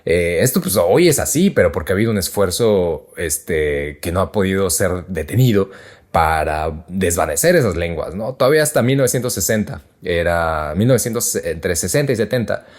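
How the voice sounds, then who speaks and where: A man's voice: low-pitched, lively intonation, moderate pace. A man with a Mexican accent hosting a podcast, explaining things in a casual, slangy way with lots of fillers and restarts. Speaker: podcast host.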